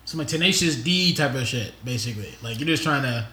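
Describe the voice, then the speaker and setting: A man's voice: mid-range voice, lively intonation, brisk, sharp tone. A man in his mid-twenties, co-hosting a casual podcast chat, laid-back and easy to laugh. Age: 20s. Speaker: podcast co-host. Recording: echoey room, faint noise.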